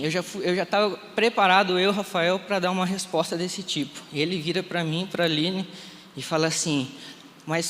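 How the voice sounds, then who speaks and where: A man in his thirties, a Brazilian pastor, tells a heartfelt testimony at a live service and voices each exchange he recalls. His voice sits a bit high for a man. It rings out through a reverberant sanctuary over faint room noise. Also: a bit bright. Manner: emotional storytelling, re-enacting dialogue. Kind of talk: live church testimony sermon. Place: church sanctuary.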